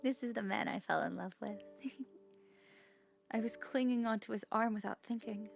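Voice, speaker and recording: A woman's voice: a little high, unhurried, creaky, soft background music. A woman streamer reading the text of a story game aloud, stumbling over unfamiliar words with light asides.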